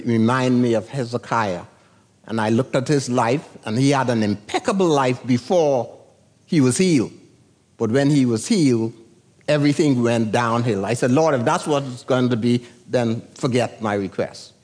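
Preaching a sermon, an older man from the Bahamas shares a personal story slowly and deliberately, acting out the voices he once heard. He's a pastor with a medium-pitched, darkish voice.

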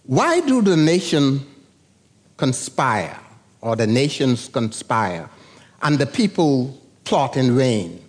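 An older pastor from the Bahamas, with a mid-range voice, a breathy edge and big pitch swings, tells a personal story while preaching. He delivers it deliberately, in a storytelling way, acting out the voices he heard.

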